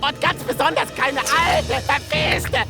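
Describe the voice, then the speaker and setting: A woman's voice: sits high, sing-song, slow, over loud music, exaggerated voice. A woman voicing a sly, scheming farmer who fibs gleefully in a cartoon. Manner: evasive, gleefully fibbing. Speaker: cartoon voice actor.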